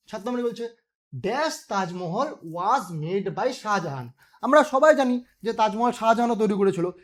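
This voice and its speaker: A woman teacher, giving an exam-prep grammar lesson in which she asks and answers her own questions and repeats key words. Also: on the high side. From West Bengal.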